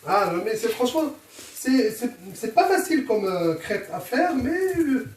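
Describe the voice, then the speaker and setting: In a roomy kitchen, a little away from the mic, a man with a Moroccan accent hosts a cooking vlog. His voice is high for a man, and he talks in a chatty, jokey way, addressing viewers as his friends. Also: big pitch swings, measured pace, darkish tone. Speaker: host, home cook presenting a recipe. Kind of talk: casual cooking vlog chat. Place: indoors in a home kitchen. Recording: roomy, distant mic, faint noise.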